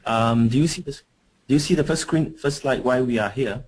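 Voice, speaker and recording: A man's voice: mid-range voice, a little fast, a little mellow, slight background noise. Brief: man from Singapore, coaching trainer, webinar delivery, hesitant and full of fillers, computer mic. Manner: hesitant, with many fillers and restarts. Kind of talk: webinar presentation. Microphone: computer mic on an online call.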